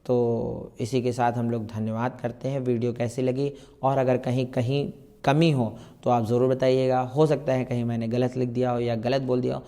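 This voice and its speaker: Mellow-voiced man teaching math. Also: medium pitch, level tone. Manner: explains slowly, repeats steps, asks and answers own questions. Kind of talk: step-by-step math lesson.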